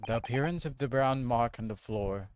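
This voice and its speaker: A male streamer works through a mystery game live, voicing the detective's lines in a measured, formal tone. His voice sits in an ordinary middle register. Game music plays clearly underneath him. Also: mid-range voice.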